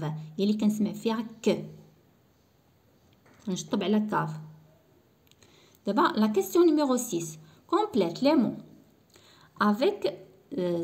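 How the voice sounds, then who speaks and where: A woman with a Moroccan accent explains a French spelling lesson for schoolchildren and says French words slowly and clearly. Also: medium pitch, a little mellow. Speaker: primary school French teacher.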